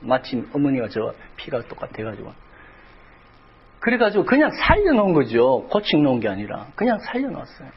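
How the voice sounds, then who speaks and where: A man's voice: medium pitch, huge pitch swings, brisk, highs cut off. A middle-aged male pastor preaching a sermon, telling a personal story with emotion that rises toward crying out in prayer. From South Korea.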